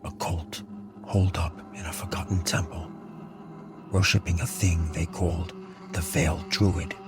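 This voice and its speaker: A deep-voiced male voice actor plays a haunted, battle-hardened army captain in an audio drama. He narrates occult horrors in a brooding, theatrical manner, using clipped, dramatic phrases.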